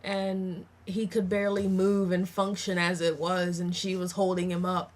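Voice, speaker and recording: A woman's voice: on the low side, little pitch movement, normal speed. A woman co-hosting a horror podcast in casual chat, tired late at night and easygoing in how she talks. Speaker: podcast co-host.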